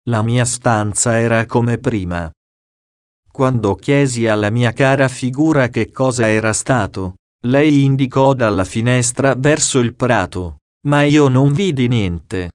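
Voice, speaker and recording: A man reading a diary aloud as an audiobook, slow, measured and solemn. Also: medium pitch, no room sound, clean studio sound. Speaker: audiobook reader.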